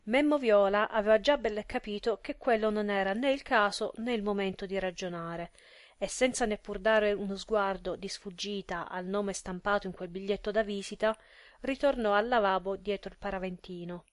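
A woman narrating a literary story in a measured, expressive storytelling manner. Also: medium pitch, no room sound, clean studio sound. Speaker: audiobook narrator.

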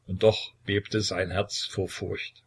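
Male narrator, low and husky, measured dramatic read. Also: little pitch movement. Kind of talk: scripted audiobook narration.

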